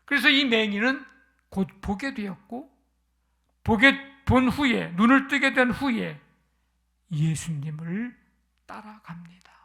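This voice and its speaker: Pastor, Sunday sermon: mid-pitched, gravelly, storytelling with rhetorical questions. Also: expressive, slow, long pauses, bright, forceful tone.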